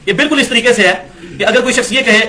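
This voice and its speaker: A man with a very high, bright and forceful voice gives an Islamic lecture, reading book passages and then arguing against them. Rhetorical questions drive his critique of the texts as a religious lecturer.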